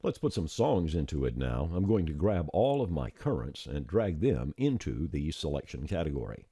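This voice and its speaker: A man with an extremely deep, dark, somewhat husky voice narrates a step-by-step software tutorial in a plain-spoken, informal way. His pitch moves around in a lively way while his speed stays normal. The studio-quality recording has no echo.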